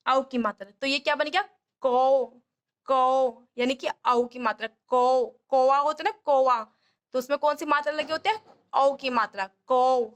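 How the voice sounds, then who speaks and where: A woman teacher explaining vowel signs, patiently repeating each sound slowly and drawing it out. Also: sits high, fairly bright tone. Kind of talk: explaining a lesson to parents.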